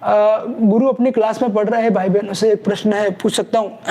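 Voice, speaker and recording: A male teacher runs a live online exam-prep class, building mnemonic stories and quizzing his viewers in a call-and-response rhythm. His voice sits fairly high for a man, with a mellow, unforced tone. He repeats each key term again and again in a playful way. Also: little pitch movement, normal speed.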